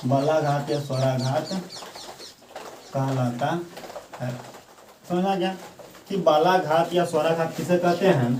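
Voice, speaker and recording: A male Hindi grammar teacher gives a class lecture, often asking questions and answering them himself, and slowly repeating points for dictation. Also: sits high, darkish tone, a little hiss or hum. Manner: slow, drawn-out dictation at times. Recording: echoey room, voice from the mic's far side.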